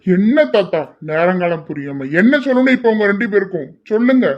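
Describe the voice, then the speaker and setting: A man's voice: high voice, a little fast, lightly acted. [name], a man doing a cheeky young guy. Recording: slightly dull lo-fi audio.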